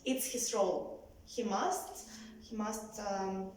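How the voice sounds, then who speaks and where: A woman, a singing student, speaking halting English with many fillers. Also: mid-range voice, fairly even intonation, darkish tone, heavy reverb, slight background noise, rough recording. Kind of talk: repeating words in a diction lesson.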